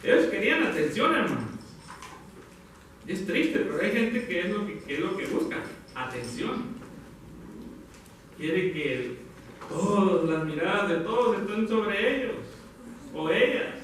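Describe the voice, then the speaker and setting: A man's voice: high-pitched, big pitch swings, fairly bright tone, slight background noise. Echoey, distant man preaching in a church. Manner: addresses listeners as brothers, halting with self-corrections. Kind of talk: sermon. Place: church hall. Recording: very echoey hall, from far off.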